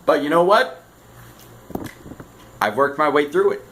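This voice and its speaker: A teenage boy making a comedic vlog, animated and self-mocking, swinging between loud bursts and mumbled asides. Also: a little high, a little slow, a little hiss or hum, low-quality recording. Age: teens. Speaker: vlogger. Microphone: camera on a shaky stand.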